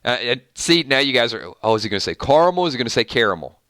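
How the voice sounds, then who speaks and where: A man from Georgia with a Southern accent, hosting a casual livestream, reading viewer comments and chatting in an animated way with easy laughter. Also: mid-range voice, very fast, no room sound, clean studio sound. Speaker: livestream host.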